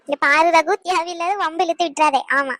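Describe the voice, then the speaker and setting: A woman voicing a cheeky young woman in a cartoon who teases her friends in quick chatter. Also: very high-pitched, steady tone, bright, forceful tone, no echo, studio quality. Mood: teasing.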